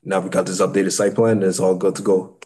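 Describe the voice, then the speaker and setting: An American man in his thirties with a fairly low voice presents a project formally at a public meeting. He speaks as a city planner, haltingly, repeating and correcting words as he goes. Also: flat delivery, dark tone. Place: indoor meeting room at a table.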